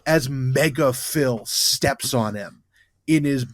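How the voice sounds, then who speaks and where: A man on a podcast, gushing about scenes he loves and tripping over his own starts. His voice sits at a middle pitch and comes through dry and close, with no room sound. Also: slow, dry recording. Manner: enthusiastic, stammering restarts. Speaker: podcast co-host. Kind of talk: casual chat.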